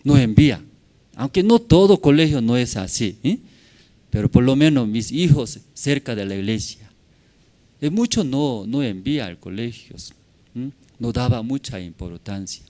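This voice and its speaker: A male pastor preaching a Sunday sermon in church. He speaks in short, simple phrases and keeps checking in with the congregation. His delivery swings between loud, emphatic bursts and quiet asides. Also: mid-range voice, expressive, moderate pace. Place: church service.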